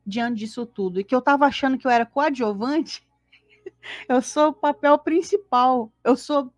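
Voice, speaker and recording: A Brazilian woman with a high-pitched but darkish voice co-hosts a spiritist study, speaking animatedly with a Brazilian Portuguese accent and acting out little scenes. The talk is casual and religious. The lo-fi recording sounds dull and dry, with no echo.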